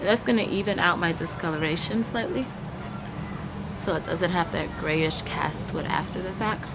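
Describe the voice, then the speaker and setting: Her voice sits on the low side with vocal fry, and she talks at normal speed. This young beauty vlogger chats casually to camera in a leafy garden outdoors, walking through her makeup tutorial step by step as she applies it, while outdoor noise and traffic hum carry in the background.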